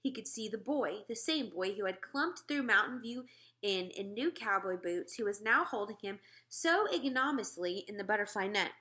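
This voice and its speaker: A woman reads a children's book aloud, telling the story expressively in a mid-range voice at a normal speed.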